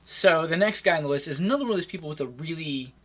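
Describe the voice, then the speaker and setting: A man co-hosting a casual gaming podcast, talking loosely with lots of filler words and frequent throat clearing. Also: on the high side, lively intonation, very fast, fairly bright tone. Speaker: podcast co-host.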